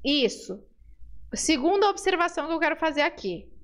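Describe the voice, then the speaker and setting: Woman, high voice, Portuguese speaker, teacher coaching pronunciation with lively, patient repeats. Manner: lively, coaxing, drills words slowly and asks the viewer to repeat. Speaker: Spanish teacher. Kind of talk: pronunciation lesson.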